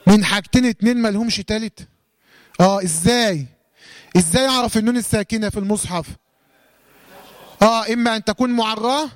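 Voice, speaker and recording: High-voiced Egyptian man teaching Quran recitation. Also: fairly bright tone, no echo. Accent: Egyptian Arabic. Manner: asks rhetorical questions and answers them, slow chanted recitation examples. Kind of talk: Egyptian colloquial tajweed lesson.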